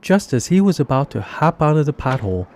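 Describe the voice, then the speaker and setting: A man narrating an animated children's story, reading in an animated, expressive way. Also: a little high, brisk, background noise. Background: background music.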